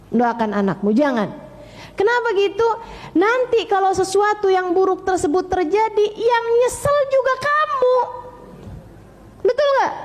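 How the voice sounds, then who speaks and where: A woman preacher giving religious advice to parents, speaking colloquially, repeating phrases for emphasis, asking rhetorical questions and addressing mothers directly. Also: very high voice. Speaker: Islamic preacher.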